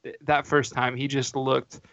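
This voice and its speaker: A man's voice: mid-range voice, level tone, unhurried, fairly bright tone, dry recording. A man hosting a casual football podcast, telling rambling anecdotes full of restarts. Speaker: podcast host. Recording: dull, dry lo-fi recording.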